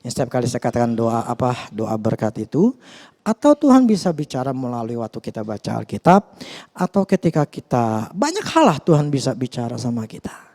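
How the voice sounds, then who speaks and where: Mellow-voiced pastor preaching. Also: male voice, medium pitch, wildly swooping pitch, a little fast. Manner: conversational, hesitant with many fillers and restarts; earnest, confessional. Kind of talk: sermon.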